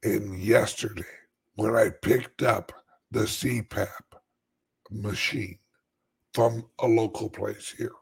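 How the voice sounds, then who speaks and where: A man with a lowish voice chats casually to his viewers, very slowly and haltingly. His voice is dried out and badly scratchy, a smoker's rasp full of gravel. He rambles along like a streamer talking to regulars. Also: steady tone. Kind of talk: casual live chat.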